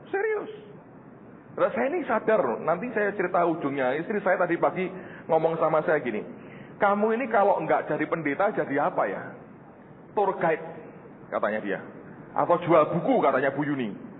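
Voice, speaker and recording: A man's voice: on the high side, a little hiss or hum. An older man preaching a sermon to his congregation as their pastor, telling stories with jokes and often calling them "saudara". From Indonesia. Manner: storytelling, joking, addresses the congregation as "saudara". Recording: reverberant hall through a phone-like channel.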